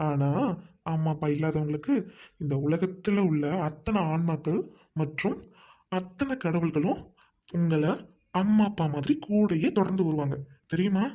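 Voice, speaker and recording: A woman voicing a kind young man who gently coaxes a crying stranger and jokes a little. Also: low-pitched, moderate pace, pauses often. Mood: coaxing. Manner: soothing, coaxing, lightly joking. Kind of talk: amateur dialogue drama.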